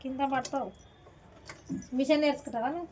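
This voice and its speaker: A woman's voice: sits high, a little fast, dark tone, slight background noise. A woman, a mother, talking casually with her young daughter at home, coaxing and scolding. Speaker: mother and vlogger.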